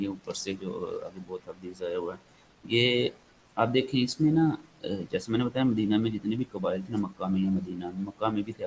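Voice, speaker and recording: A man's voice: on the low side, a little mellow, slight background noise, low-quality recording. A man with a Pakistani accent giving an online lecture, rambling with many fillers and slipping into English. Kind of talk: online lecture, casual explaining.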